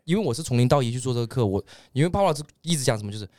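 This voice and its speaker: A man's voice: medium pitch, animated, darkish tone, dry recording. A young man, a guest teacher on a podcast, earnestly recounting his experience in casual chat. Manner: earnest, emphatic, quick recounting.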